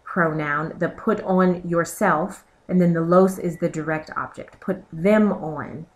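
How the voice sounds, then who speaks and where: Woman, teacher, slideshow voice-over; clear methodical explainer, lowish pitch. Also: a little slow. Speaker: Spanish teacher. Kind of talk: recorded slideshow lesson.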